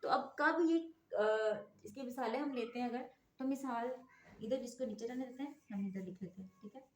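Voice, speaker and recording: Faint noise and echo fill the room as a patient English phonics teacher explains a lesson classroom-style. Her voice is fairly high and her speed normal, and she keeps asking "okay?".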